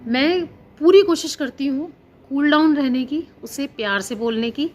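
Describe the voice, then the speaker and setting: A woman's voice: sits high, normal speed, darkish tone. A woman in her thirties, a housewife and teacher, talking earnestly in a casual parenting vlog, often repeating herself and slipping English words into her talk. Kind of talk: casual chat about parenting.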